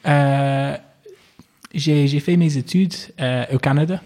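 A man in his twenties from England, the interviewee in a relaxed conversation, speaks French slowly as a learner with an English accent. His voice is mellow and on the high side, and he's hesitant, with lots of fillers and repeated "yes".

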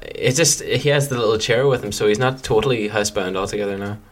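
A low-voiced man with a Donegal Irish accent talks as a podcast co-host. He chats in a casual, rambling style, with a joking streak. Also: quick pace. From County Donegal, Ireland. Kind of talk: casual fan podcast chat.

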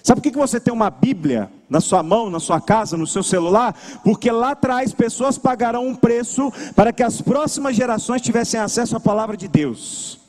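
A young man with a Brazilian accent preaches a sermon in a church. His voice sits high for a man, and he tells his stories with energy, slipping into voices to act out what people say. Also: fairly quick, hardly any pauses, long reverb tail. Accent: Brazilian Portuguese. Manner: lively storytelling, acts out what people say.

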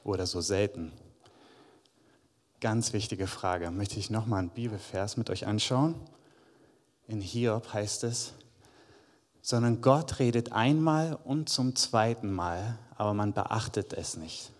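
A man with a fairly low voice takes his time as he preaches. His sermon to the congregation is conversational and includes Bible verses read aloud, recorded in a church hall with a long, echoing reverb.

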